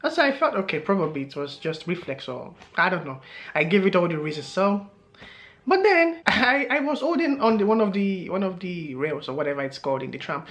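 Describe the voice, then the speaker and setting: A man's voice: sits high, big pitch swings, fairly quick, fairly bright tone. A man vlogging to camera, telling a story in a loose, meandering way, with many fillers and laughs along the way.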